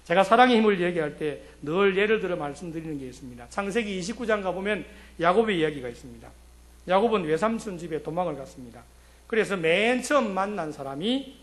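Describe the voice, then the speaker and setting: A man's voice: high-pitched, fairly bright tone. A male pastor preaching a sermon, telling a story and asking the congregation rhetorical questions.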